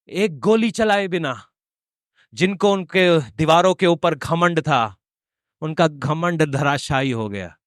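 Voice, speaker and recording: High, bright-voiced pastor. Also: male voice, no echo, clean studio sound. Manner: preaching with call-and-response questions to the congregation; builds to drawn-out, fervent cries. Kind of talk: sermon.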